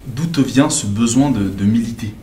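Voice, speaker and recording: A man interviewing a guest, asking questions in a relaxed, informal way. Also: mid-range voice, normal speed, reverberant, a little hiss or hum. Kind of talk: casual conversational interview.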